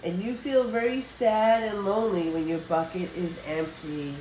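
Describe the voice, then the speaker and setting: The recording, echoey and carrying background noise, captures an older woman in a mid-range voice reading a picture book to young listeners. Her storytelling phrasing is deliberate and expressive.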